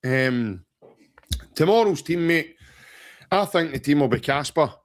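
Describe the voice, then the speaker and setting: A man's voice: fairly high pitch, expressive, unhurried. A Scottish man co-hosting a football podcast in casual, joking talk, often saying mate and aye. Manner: joking, rambling, says mate and aye a lot. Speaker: podcast co-host.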